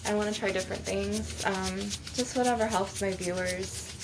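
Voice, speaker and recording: A woman talks through an ASMR session in a conversational, wandering manner. Her mid-pitched voice has plenty of gravelly fry. The recording is very noisy, with clicking and tapping behind her. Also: fairly even intonation, moderate pace. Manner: rambling, conversational asides. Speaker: ASMR video host. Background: tapping on glass and objects, clicking.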